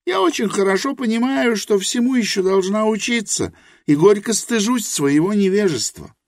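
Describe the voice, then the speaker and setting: A man's voice: sits high, animated, normal speed, dry recording, clean studio sound, pitched above the performer's own voice. Man voicing a proud, passionate young woman. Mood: earnest. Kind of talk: audiobook character reading.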